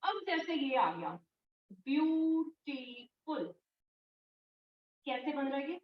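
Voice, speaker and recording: A woman teaching English grammar in an online class, patient, repeating and drilling words slowly. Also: sits high, big pitch swings, reverberant, recorded from a distance, muffled recording. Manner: firm when scolding students.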